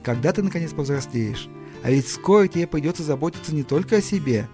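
Man doing a preachy older aunt, lecturing, disapproving, raised pitch, soft music behind. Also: lively intonation, fast. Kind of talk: audiobook dialogue reading.

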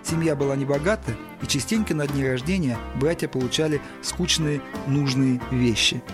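A man's voice: medium pitch, moderate pace, over music. A man narrating a story expressively as an audiobook reader. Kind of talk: scripted narration.

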